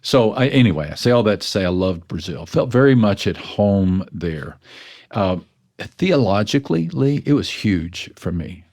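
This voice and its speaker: This interview guest, a West Texas pastor and author, speaks at normal speed in a deep, low voice. Earnest and self-deprecating, he restarts his sentences as he thinks while telling his story in a relaxed, reflective conversation.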